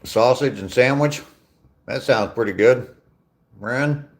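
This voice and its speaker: This man in his sixties speaks slowly at a medium pitch. He's out walking with his phone, live-streaming, reading viewers' comments aloud and replying in an easygoing, conversational style with a dry wit.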